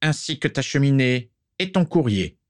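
A man's voice: mid-range voice, lively intonation, moderate pace, no room sound, studio quality, pitched above the performer's own voice, natural voice. A man reading aloud and voicing a stern, proud old aristocratic wizard who speaks in curt, cold sentences, in an audiobook-style story reading. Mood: haughty, cold. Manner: curt, haughty.

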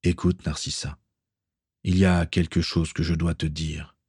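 A man's voice: steady tone, a little slow, a little mellow, dry recording, clean studio sound. A man voicing a gloomy older father who answers curtly in a storybook reading. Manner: low muttering, curt.

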